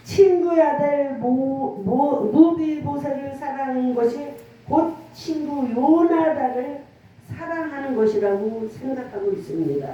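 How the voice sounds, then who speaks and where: A woman's voice: sits high, lively intonation, measured pace, mellow, muffled recording. A middle-aged woman pastor preaching a sermon in earnest, conversational tones, often drawing responses from her congregation. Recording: roomy, echoey church room from far off.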